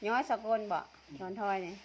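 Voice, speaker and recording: A woman vlogger with an Isan accent from northeastern Thailand, Tai Yo, chats casually and teasingly as she eats, laughing often. She speaks at a normal speed, and there's a little hiss or hum in the recording.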